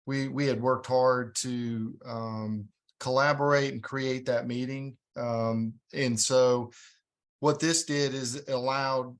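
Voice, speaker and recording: Guy on a podcast, middle pitch, casual, repeats himself, lots of ums. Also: fairly even intonation, takes it slowly. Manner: conversational, with repeated words and ums. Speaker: guest, hospital program leader. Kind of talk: podcast interview.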